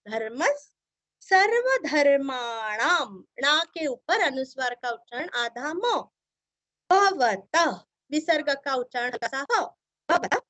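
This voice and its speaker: Woman recitation teacher, Marathi accent, very slow and careful, breaking verses into syllables. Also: high voice, fairly bright tone, no echo. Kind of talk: teaching Sanskrit chanting pronunciation.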